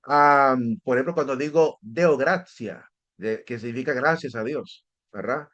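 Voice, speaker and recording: A man's voice: mid-range voice, unhurried, fairly bright tone, lo-fi sound. A man teaching a theology class, explaining step by step and often checking in with his listeners. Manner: explanatory, repeats words and restarts, asks "¿verdad?" often. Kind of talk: lecture on theology.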